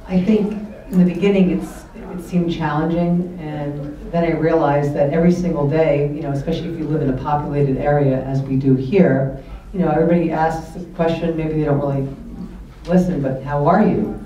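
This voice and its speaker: A woman's voice: low voice, fairly even intonation, fairly quick, dark tone. A woman on a panel talking earnestly and reflectively about meeting people. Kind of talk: panel discussion talk. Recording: dull, very echoey hall from far off.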